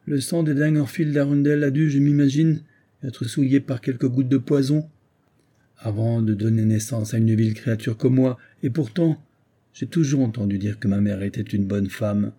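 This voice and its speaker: A man's voice: mid-range voice, fairly even intonation, normal speed, mellow, lightly acted. A man reading aloud, voicing a bitter and proud middle-aged widow who answers with cold haughtiness.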